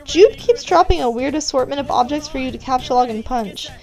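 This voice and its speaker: Reading fairly quickly, a woman with a high-pitched, expressive, darkish voice delivers scripted second-person narration that puts the listener in the character's place. Background music accompanies her.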